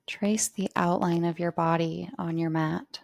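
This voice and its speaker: Slow, gravelly-voiced woman guiding relaxation. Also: fairly low pitch, steady tone, no echo. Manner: slow, soothing, spacious phrasing. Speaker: yoga teacher. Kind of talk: guided relaxation.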